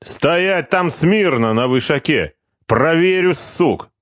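A man voicing a drunk, crude young corporal who shouts, swears and threatens. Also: mid-range voice, big pitch swings, slow pace, no room sound, studio quality, voice pushed up. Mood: drunken bullying.

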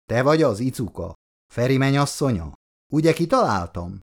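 A man's voice: mid-range voice, big pitch swings. A male reader voicing a smug young woman who gushes sweetly and talks down to a rival. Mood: sugary. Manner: sugary, condescending.

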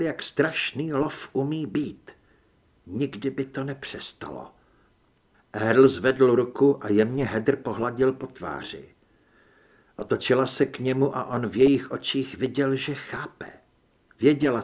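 A man narrating an audiobook with steady, dramatic storytelling. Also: mid-range voice, husky. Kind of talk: scripted narration.

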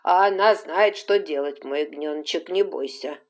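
A gentle, calm priest from a storybook, voiced by a woman reading aloud. He speaks softly and reassuringly, in a plain, even voice. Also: deep voice, normal speed, lightly acted. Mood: soothing.

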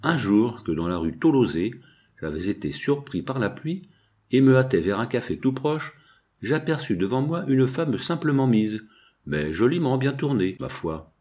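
A man reading a first-person literary novel as an audiobook, measured and expressive. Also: mid-range voice. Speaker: audiobook narrator.

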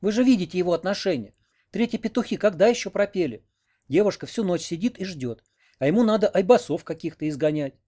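A fretful young village woman with a high, raised voice and a plaintive, complaining manner, as a male audiobook reader puts her on. She talks a bit louder and more urgently than the narration in this storybook reading. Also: expressive, quick pace.

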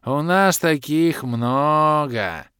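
A man's voice: a little high, lively intonation, a bit bright, clean tone, dry recording, clean studio sound, pitched above the performer's own voice, full character voice. A man voicing a carefree bald male elf who drawls in an audiobook. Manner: drawling, very slow. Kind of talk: audiobook character voice.

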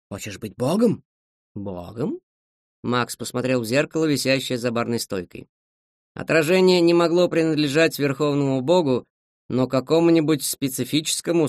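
A man reading a story aloud as the narrator, in a lively, expressive way. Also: medium pitch, normal speed, no room sound, studio quality. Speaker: audiobook narrator. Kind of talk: scripted narration.

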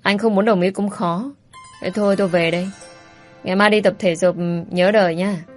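A woman's voice: medium pitch, fairly even intonation, normal speed, faint music behind, lightly acted. A woman voicing a bold young woman who talks bluntly and playfully. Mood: teasing. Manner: blunt, teasing.

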